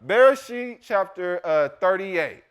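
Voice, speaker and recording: A man's voice: sits high, lively intonation, clear, resonant tone. A man teaching a casual Bible study, quizzing the group and reading scripture aloud. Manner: chatty, quizzes the group, Southern-style "y'all"; reads scripture aloud slowly.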